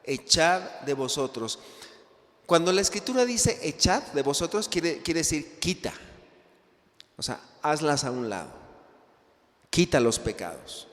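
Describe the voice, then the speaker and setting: Casting: preacher, lively pitch, slow deliberate delivery, echoing hall. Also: male voice. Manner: emphatic, swinging from loud exhortation to hushed. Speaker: pastor. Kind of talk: sermon. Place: rented event hall used as church. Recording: reverberant hall.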